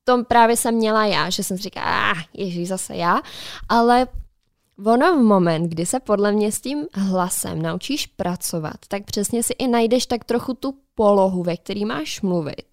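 A woman's voice: mid-range voice, no echo, studio quality. A woman co-hosting a casual podcast, talking in a chatty, reflective way and giving advice. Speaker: podcast co-host. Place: studio.

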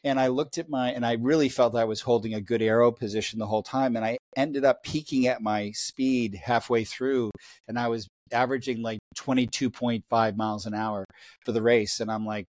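A man in his fifties talks as a podcast guest, in a rambling, halting way full of restarts. His voice sits at an ordinary middle pitch. The sound is dry and close, with no room around it. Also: fairly even intonation, a little mellow, dry recording. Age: 50s. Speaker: guest athlete. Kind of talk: casual podcast storytelling.

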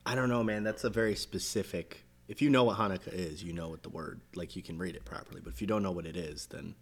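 A man's voice: deep voice, fairly even intonation, fast talker. A man co-hosting a podcast, bantering casually and laughing in disbelief. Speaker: podcast co-host. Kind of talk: casual chat.

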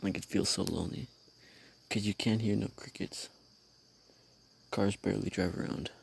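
A man's voice: on the low side, fairly even intonation, normal speed, creaky, breathy edge. A man hosting his own show, telling a rambling, profane story in casual slang while sitting outdoors at night. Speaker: podcast host.

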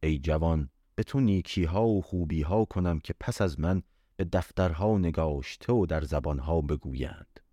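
A man with a deep voice playing a stern king who speaks in grave, mournful storybook tones. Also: dark tone, no echo, studio quality. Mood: solemn. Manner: grave, solemn storybook speech.

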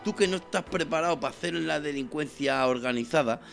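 A man with a Spain Spanish accent co-hosts a comedic chat show. His voice is bright and clear, and he tells his stories in a rambling way, sliding from low mumbles into loud outbursts. Faint music plays behind him. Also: brisk. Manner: storytelling with big swings from mumbling asides to shouting. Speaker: podcast co-host.

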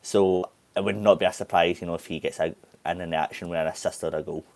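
Low-voiced man making bold claims. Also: fairly even intonation, fast, gravelly, a little mellow. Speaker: podcast panelist. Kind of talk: casual football chat.

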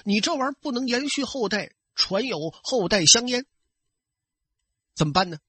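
Lively, husky male storyteller. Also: very high voice, normal speed, no room sound. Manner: lively, conversational, addressing listeners. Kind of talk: traditional oral storytelling.

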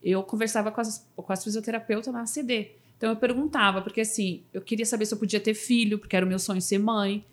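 A woman with a mid-range, steady voice talks fast, barely pausing. She's a motivational speaker sharing a personal story in a casual podcast interview, restarting emotionally and leaning on fillers like "sabe assim."

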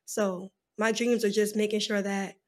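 A woman's voice: mid-range voice, level tone, moderate pace, a little mellow. A young adult woman, a podcast guest, sincerely sharing her hopes for the future. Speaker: guest, former foster youth. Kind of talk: casual podcast conversation.

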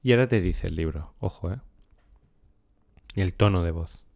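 A deep, mellow-voiced man talks calmly and unhurriedly. He hosts a relaxed solo podcast, sounding close and dry with no room echo. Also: gravelly. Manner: calm, unhurried. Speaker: podcast host and trainer. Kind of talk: casual podcast monologue on a book.

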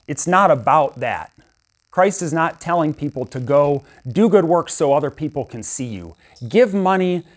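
A man's voice: on the high side, darkish tone. A young adult man giving an informal sermon in a conversational, storytelling way, with frequent restarts. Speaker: preacher.

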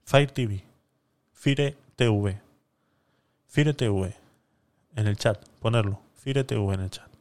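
A man's voice: lowish voice, takes it slowly, pauses often, darkish tone. A man hosting a live-stream podcast, chatting casually with viewers while he talks himself through a giveaway. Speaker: livestream podcast host.

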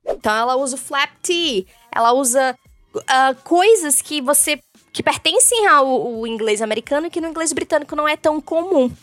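A woman's voice: sits high, animated, moderate pace, fairly bright tone, dry recording, soft background music. A Brazilian woman who teaches English, giving a chatty podcast lesson and dropping English terms into her explanations. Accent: Brazilian Portuguese.

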